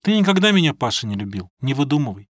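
A man reading an audiobook, voicing a gentle, sad young village woman who speaks softly and tenderly. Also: rumbling low, very animated, quick pace, husky, no echo, studio quality, exaggerated voice. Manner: soft, tender, consoling.

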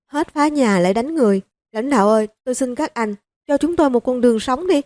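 A woman's voice: normal speed, a little mellow, dry recording, close to an everyday voice. A woman voicing a grieving elderly mother-in-law who pleads and sobs through her words, in an audiobook reading. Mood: sobbing plea. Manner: sobbing, begging, high-pitched.

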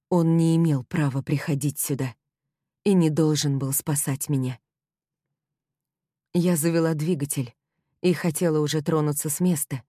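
A woman's voice: low voice, mellow, no echo, studio quality. A woman narrating a first-person novel in a tense, dramatic way. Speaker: audiobook narrator.

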